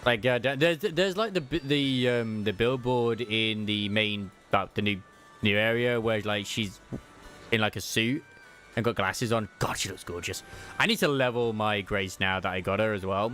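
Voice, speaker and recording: A man's voice: on the low side, moderate pace, fairly bright tone, faint music behind. A man streaming a game, chatting casually and reading the game's dialogue aloud, rambling with frequent laughs and filler words.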